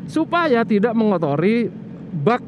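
A man's voice: high-pitched, sing-song, measured pace. A man casually explaining a scooter maintenance trick outdoors, rambling and often restarting or correcting himself. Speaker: motovlogger. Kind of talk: casual how-to vlog chat. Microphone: action camera. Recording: muffled action-cam audio with street noise.

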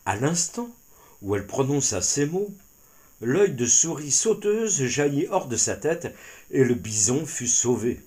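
A man narrating a children's animal tale in an expressive storytelling style. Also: medium pitch, unhurried.

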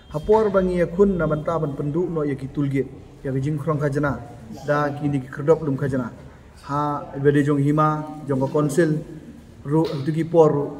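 Seated at a table in a bare concrete meeting hall, a man in his thirties makes an emphatic statement at a press meet as an association office-bearer, filmed by a camera in front of him. His voice is on the high side with a darkish tone.

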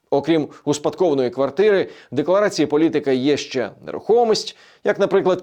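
A man presenting a weekly regional news roundup in a measured, scripted delivery. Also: a little high, darkish tone.

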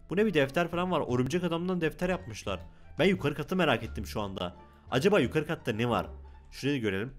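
A young man narrating a Let's Play in quick bursts, exclaiming as he plays. His voice sits a little high and moves fast. Faint music plays under him. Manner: excited, exclaiming and talking to the game character. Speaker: gaming YouTuber.

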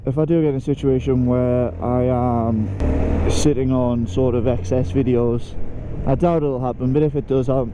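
A man's voice: mid-range voice, fairly even intonation, moderate pace. A young man in his twenties chatting in a rambling, self-deprecating way as he rides his motorbike, recorded on a helmet mic. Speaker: motovlogger. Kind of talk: casual talk while riding. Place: on a motorbike on open roads. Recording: road and wind noise. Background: traffic and engine noise.

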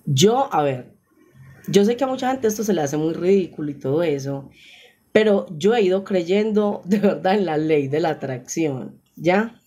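A young woman with a Paisa accent talks to her live-stream viewers through a phone, chatty and full of exclamations. Her voice sits a little low for a woman, and she laughs often as she goes. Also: expressive, moderate pace, warm tone. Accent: Paisa Colombian Spanish. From Colombia.

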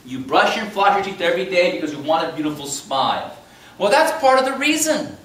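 A man in his fifties, a chiropractor teaching a live class, animated and jokey, slipping into quoted voices. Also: sits high, brisk. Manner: animated, jokey, talks with big hand gestures and quoted voices. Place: meeting room with projector screen. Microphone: far camera in the room. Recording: roomy and distant with faint hum.

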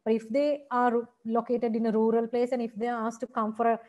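A woman's voice: on the high side, flat delivery, fairly quick, darkish tone, highs cut off. A woman with a Sri Lankan accent giving a teacher-training seminar, explaining point by point and checking in with "right?". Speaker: seminar lecturer.

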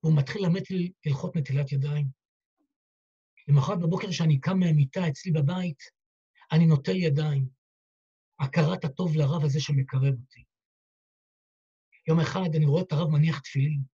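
A man's voice: on the high side, steady tone, long pauses, dark tone, breathy edge. A man, a rabbi, telling a heartfelt story in a dramatic sermon style, acting out the dialogue. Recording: dull lo-fi recording.

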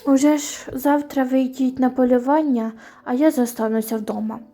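Woman reading a brave young folk hero: high, soft-toned, decisive storybook lines. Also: fairly even intonation, normal speed, faint music behind. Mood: plain.

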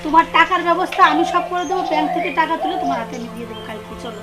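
A woman's voice: sits high, expressive, racing. An actress playing a wealthy, scornful mother-in-law who scolds in a family drama. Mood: soothing. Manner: scolding, haughty. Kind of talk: social drama acting. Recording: music bed behind voice.

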